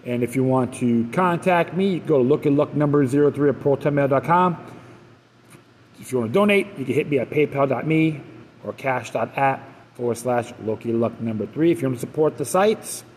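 A man's voice: mid-range voice, a little fast, a little mellow, big-room sound, slight background noise, rough recording. A man hosting a solo podcast, reading articles aloud and then adding loose, casual commentary with some stumbles and restarts. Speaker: podcast host.

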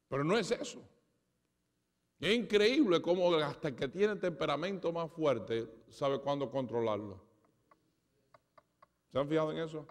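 A pastor preaching a sermon, dramatic, acting out conversations and swinging between loud and soft. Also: male voice, mid-range voice. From Spanish heritage. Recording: reverberant hall.

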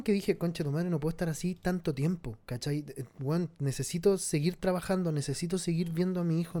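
A man's voice: a little high, dark tone. A man with a Chilean accent telling a sad personal story in casual, slang-heavy chat. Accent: Chilean Spanish. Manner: slangy, somber storytelling, frequent swearing.

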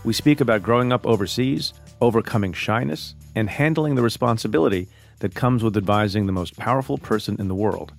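Gravelly low-voiced man hosting a podcast. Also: soft background music. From India. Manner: measured, explanatory, reads ad copy. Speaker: podcast host. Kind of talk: podcast monologue and interview.

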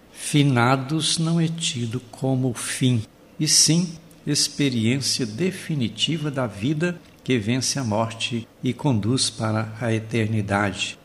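A man's voice: medium pitch, a little hiss or hum. Solemn man reading a reflective article. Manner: measured, earnest, solemn reading. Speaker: bishop reading his article. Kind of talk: read-aloud reflective article.

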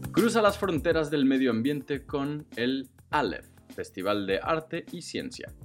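A Mexican man presents scripted podcast news in a very animated voice, with music underneath. He hits phrase openings with emphasis and lets the endings fall, keeping the wording casual. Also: mid-range voice.

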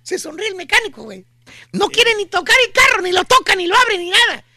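A man's voice: extremely high pitch, sing-song, a little fast, bright, forceful tone. A man with a Mexican accent telling a slangy, mocking comic story as a radio show host. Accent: Mexican Spanish.

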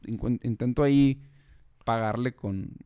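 A man's voice: medium pitch, a little slow, mellow, clean tone. A man with a Mexican accent chatting casually and telling a story, dropping "güey" constantly. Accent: Mexican Spanish. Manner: slangy, peppers speech with "güey".

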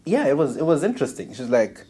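A man's voice: medium pitch, sing-song, fast talker, mellow, breathy edge. A man co-hosting a podcast in a casual, conversational way. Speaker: podcast co-host.

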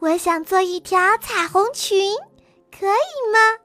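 A woman voicing a small, shy bunny girl in a storybook, speaking in a soft, thin little voice. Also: very high voice, animated, slow pace, dry recording, heavily acted. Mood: asking.

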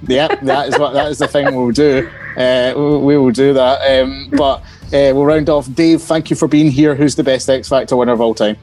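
A man's voice: mid-range voice, fairly even intonation, normal speed, darkish tone. Male podcast host with music behind him. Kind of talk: casual wrestling panel discussion.

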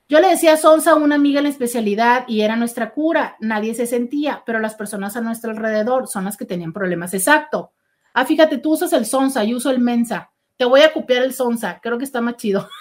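A middle-aged woman hosting a casual show and chatting animatedly as she reads listener messages. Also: on the high side. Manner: chatty, warm, animated with exclamations. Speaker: radio host reading listener messages. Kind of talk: casual call-in show chat.

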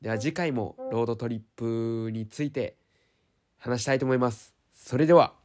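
A man's voice: mid-range voice, fairly even intonation, normal speed, a little mellow. A man with a nasal voice, congested by hay fever, giving a casual solo explanation as a podcast host in a somewhat hesitant, informal way. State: stuffy nose from hay fever.

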